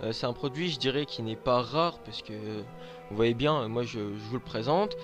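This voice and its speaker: A man's voice: mid-range voice, moderate pace, over music. A man from Lorraine in France, hesitantly presenting his handmade collection in a casual show-and-tell video, with many filler sounds.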